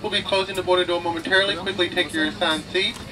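Male flight attendant, talking fast, bit high, distant pa. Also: steady tone. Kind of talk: routine boarding announcement. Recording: distant cabin PA, clear aircraft noise.

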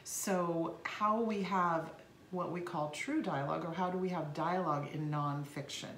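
A woman's voice: fairly low pitch, measured pace, fairly bright tone. A woman co-hosting a podcast, chatting casually and leading the discussion. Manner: conversational, reads quotes aloud. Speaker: podcast co-host. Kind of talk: casual chat. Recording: echoey room with faint ambient noise.

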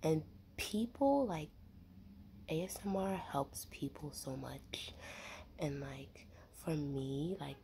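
A young woman rambling in a soft, half-whispered ASMR voice while chewing gum, with lots of fillers, close to the mic. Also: low-pitched, slow pace, creaky, slight background noise. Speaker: ASMR creator.

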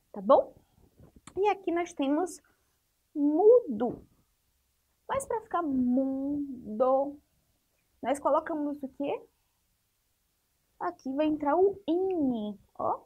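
A woman teacher giving a spelling lesson to young children, asking the class questions and patiently repeating each rule. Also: high voice. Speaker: primary school teacher.

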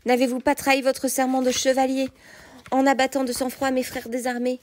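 A woman reading an audiobook, voicing a furious, vengeful male knight who shouts his accusations in a strained voice. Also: high voice, steady tone, normal speed, pitched above the performer's own voice, close to an everyday voice.

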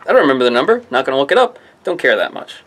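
This comic shop employee races through the latest releases on camera with big pitch swings and a fairly bright tone at medium pitch. His rundown is casual and rambling, peppered with self-deprecating jokes and trailing "I don't know"s.

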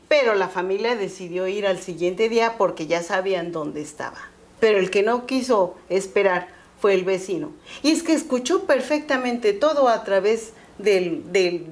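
A woman storyteller narrating a folktale in a lively, expressive way. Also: mid-range voice. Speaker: storyteller guest.

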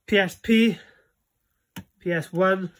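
A man's voice: sits high, steady tone, takes it slowly, fairly bright tone. Chatty Welsh man on a home tour. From Wales. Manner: chatty, rambling with many fillers. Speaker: vlogger giving a room tour. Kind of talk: casual chat. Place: small indoor games room at home. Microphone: phone camera held in hand.

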